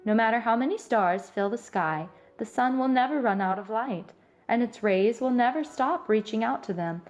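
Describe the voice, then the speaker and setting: A woman voicing a gentle, loving mother raccoon in a storybook, speaking in a tender, soothing way. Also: fairly high pitch, normal speed, lightly acted. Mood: reassuring.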